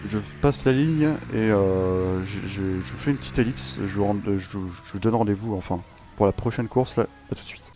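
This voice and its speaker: A man's voice: lowish voice, normal speed. A man casually commentating over his own racing gameplay, rambling and joking with many fillers and restarts. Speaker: gaming channel host. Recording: game sounds and music behind.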